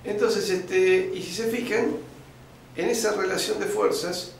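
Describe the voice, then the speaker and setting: A man with an Argentine accent, a guest in an interview, telling a long history lesson and often stopping on "este" and "eh" and clearing his throat. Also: high voice, fairly even intonation, unhurried. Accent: Argentine Spanish. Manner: didactic storyteller, uses fillers like "este" and "eh", clears throat often. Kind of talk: lecturing historical account. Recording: very echoey room with faint background noise.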